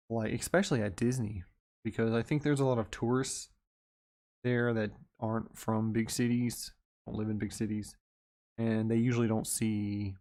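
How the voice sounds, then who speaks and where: A man on a live stream about investing, alternating between reading an article aloud and offhand, meandering commentary. His pitch sits in an ordinary middle range for a man. The talk is loose and conversational, full of asides and quick chuckles. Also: mellow. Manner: reads news aloud, then rambles with asides and chuckles. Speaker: investing livestream host.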